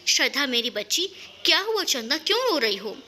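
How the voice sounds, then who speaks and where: A woman's voice: high-pitched, very animated, fairly quick, sharp tone, exaggerated voice. A woman voicing a falsely sweet scheming aunt. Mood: sugary. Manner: sugary, fussing.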